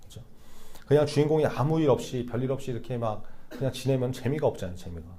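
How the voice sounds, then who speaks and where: A man's voice: mid-range voice, animated, fast, mellow. A young man preaching a sermon to a youth group in a conversational way, often checking in with the listeners through rhetorical questions. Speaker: youth pastor.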